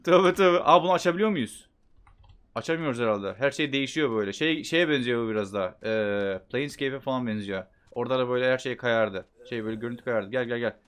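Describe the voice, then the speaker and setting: A man giving casual gameplay commentary, chatting to himself and bursting into loud shouts at the game. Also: mid-range voice, quick pace, clean tone. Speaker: gameplay streamer.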